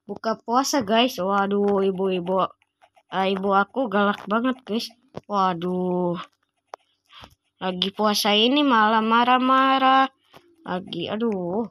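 A woman hosts a gaming channel with chatty let's-play commentary, exclaiming constantly, often saying "waduh" and "aduh," and calling her viewers "guys." Her mid-range voice is fairly bright, with a little hiss or hum.

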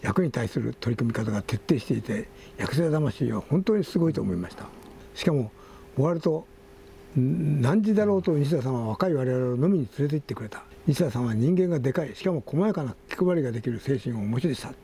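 A man's voice: medium pitch, lively intonation, fast, dark tone, a little hiss or hum. An older man hosting a casual talk show, reading magazine articles aloud with asides and self-corrections. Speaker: magazine editor and host.

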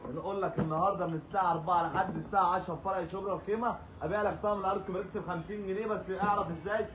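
An Egyptian man in his twenties pitching on a live sales stream like a booming prize announcer, hyping and repeating prices. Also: steady tone, rapid-fire, fairly bright tone. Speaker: live sales host in a homeware shop. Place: small shop, indoors. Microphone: phone camera a short way off. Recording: echoey room with faint noise.

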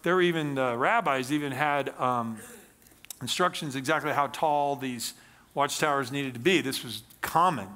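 A middle-aged man preaching on a church stage, reading scripture and explaining it with animated emphasis. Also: medium pitch, normal speed. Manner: animated, gesturing, reads scripture aloud then explains. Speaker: pastor. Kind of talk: sermon.

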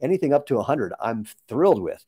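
Here a company founder in his sixties answers viewer questions on a live stream in a casual, aside-filled way. He talks fast in a medium-pitched, warm, husky voice with a sing-song lilt, and there's no echo.

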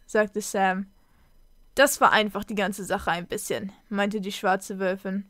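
A woman's voice: mid-range voice, smooth, no room sound. Woman reading a story aloud, dry sound.

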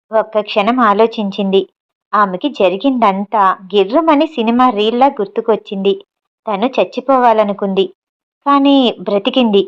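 A woman reads a serialized novel aloud in a calm, even storytelling voice. Her voice sits a little high. The recording is dull and lo-fi. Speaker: audiobook narrator.

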